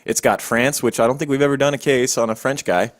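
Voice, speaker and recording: A man's voice: medium pitch, fairly even intonation, fast talker, no echo, studio quality. A man co-hosting a podcast in casual chat, laid-back and joking, swearing freely. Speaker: podcast co-host.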